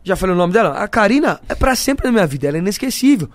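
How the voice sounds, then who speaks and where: A young Brazilian man, a guest on a casual podcast, tells candid stories packed with slang and laughter in Brazilian Portuguese. His voice sits high and sing-song, he talks very fast, and the recording is dry.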